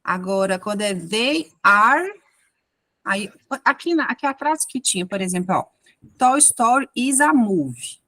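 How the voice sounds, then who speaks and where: A woman's voice: mid-range voice, animated, measured pace, a bit bright, dry recording. A woman student asking her teacher questions in class, hesitant and restarting as she talks.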